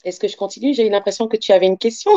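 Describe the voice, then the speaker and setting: Racing through her words in a medium-pitched, dark voice, a guest sophrologist and life coach, born in Africa and raised in France, explains concepts step by step during an interview. She leans on examples and rephrasing. The sound is dry and lo-fi.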